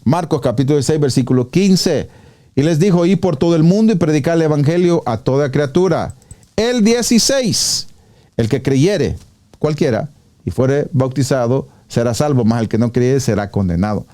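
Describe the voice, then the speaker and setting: Pastor teaching verse by verse, mellow. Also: male voice, fairly high pitch, expressive, normal speed. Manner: reads verses aloud and rebuts, asks rhetorical questions. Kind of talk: teaching sermon.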